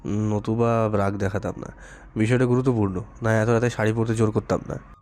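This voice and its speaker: A man's voice: lowish voice, steady tone, normal speed, darkish tone, a little hiss or hum, lightly acted. A man voicing a young husband who is bossy but affectionate, teasing and scolding his wife in an audio love story. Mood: apologetic. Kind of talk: audio drama acting.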